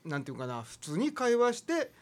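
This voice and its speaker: A man's voice: high voice, wildly swooping pitch, brisk, a little mellow. A man in casual chat, speaking earnestly as a podcast co-host. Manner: earnest, insists on proper manners. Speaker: band member, podcast co-host.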